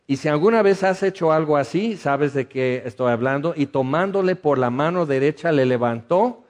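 A man with a Mexican accent preaching a sermon, telling a story and acting out the dialogue in a lively, conversational way. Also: a little high, moderate pace. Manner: animated, acts out dialogue, conversational asides. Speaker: pastor.

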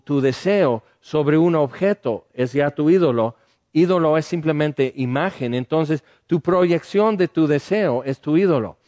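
American man teaching a sermon, fairly high voice. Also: darkish tone. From United States. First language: English. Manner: conversational, many fillers and restarts. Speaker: preacher.

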